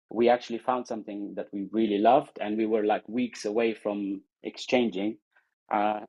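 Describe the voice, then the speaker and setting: A man's voice: lowish voice, mellow. A man from Afghanistan, a guest in an interview, speaking hesitantly with many ums and restarts. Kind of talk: casual interview. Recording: muffled social audio stream.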